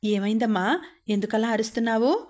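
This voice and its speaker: A woman's voice: a little high, fairly quick, a little mellow, lightly acted. A woman reading the part of a young, studious woman who speaks up firmly for her sister-in-law. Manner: firm, forthright.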